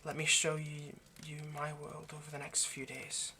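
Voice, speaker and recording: A man in an intimate roleplay monologue plays a lovestruck, earnest vampire, stammering hesitantly while gently persuading a partner. He sounds tender and grave. The voice is a little high and monotone, at a moderate pace, with a little hiss or hum on the recording.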